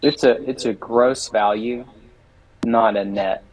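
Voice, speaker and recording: A man's voice: medium pitch, steady tone, takes it slowly, poor audio. A man chatting casually as a player in a tabletop game.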